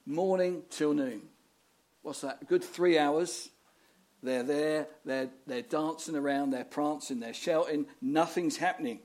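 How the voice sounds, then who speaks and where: Male preacher, raised-pitch voice, storytelling sermon delivery. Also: measured pace, a little mellow. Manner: storytelling, rhetorical questions, dramatic reading of scripture.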